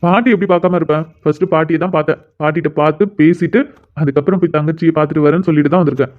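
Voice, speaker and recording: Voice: mid-range voice, steady tone, phone-quality sound, close to an everyday voice. A performer voicing a caring older brother who teases and comforts his sister, in a cartoon. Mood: teasing. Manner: teasing, reassuring, quick. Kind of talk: cartoon voice acting.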